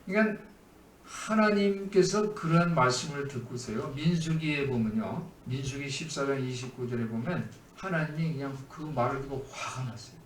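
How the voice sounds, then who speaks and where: A man's voice: medium pitch, moderate pace, roomy sound, distant mic, a little hiss or hum. A man preaching a sermon as pastor, asking the congregation questions as he teaches. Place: church sanctuary.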